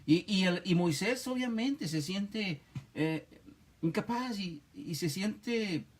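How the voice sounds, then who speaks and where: A man's voice: sits high, animated, slow, slight background noise. Emphatic male preacher with constant tag questions. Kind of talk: Bible study sermon.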